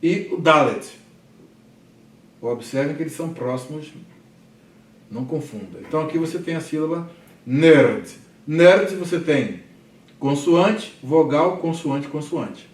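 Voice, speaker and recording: Um professor brasileiro explica devagar, repetindo cada termo e checando com os alunos. Sua voz de tom médio vem de longe, gravada numa sala de aula que ecoa bastante. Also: male voice, on the high side, lively intonation. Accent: Brazilian Portuguese. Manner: patient, repeats terms slowly, asks "tá?" often. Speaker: teacher. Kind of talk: classroom lecture. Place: classroom. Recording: echoey classroom from a distance.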